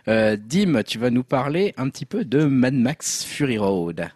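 A man's voice: mid-range voice, a little slow, husky, dry recording, studio quality. A man hosting a film podcast, chatting casually and handing over to his co-hosts. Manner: relaxed, hands over to co-hosts. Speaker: podcast host. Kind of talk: casual film news chat.

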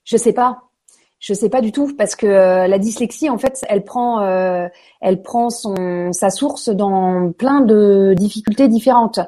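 Chatty hesitant French actress. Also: female voice, medium pitch, unhurried, warm tone. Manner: many fillers, hesitant, chatty. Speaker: guest, stage actress. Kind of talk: casual interview chat.

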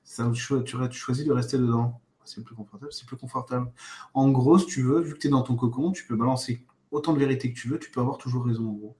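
Man, relaxed livestream coach; loose, direct, lots of fillers; roomy echoing home room. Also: medium pitch, fast. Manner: spontaneous, thinks aloud with many fillers and restarts; direct, addresses the viewer as tu. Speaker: spiritual coach answering viewer questions. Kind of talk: casual livestream Q&A. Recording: roomy echo.

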